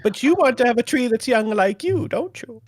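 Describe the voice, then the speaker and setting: A woman improvising as a sly old woodland witch who lures children with sweets and salesy patter, in a gravelly voice. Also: on the high side, lively intonation, fairly quick, darkish tone, dry recording, clean studio sound. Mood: wheedling. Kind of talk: improv comedy.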